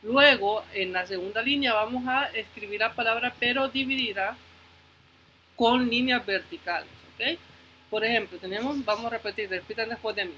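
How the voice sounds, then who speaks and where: A man's voice: very high voice, normal speed, bright, forceful tone, a little hiss or hum, low-quality recording. A male teacher giving a phonics lesson to children, patiently repeating words and checking in with the class, moving between Spanish and English.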